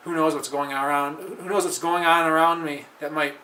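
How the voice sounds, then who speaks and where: An American man giving a casual, halting spoken lesson on a phrase he is learning, with frequent restarts and slow repetitions of practice phrases. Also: fairly high pitch, steady tone, pushed and bright. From United States. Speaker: language learner vlogger. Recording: echoey room, faint ambient noise.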